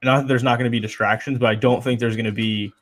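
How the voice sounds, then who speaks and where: A man's voice: medium pitch, steady tone, quick pace, a bit bright. A young man co-hosting a casual sports chat show, rambling and opinionated with lots of fillers. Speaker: podcast co-host.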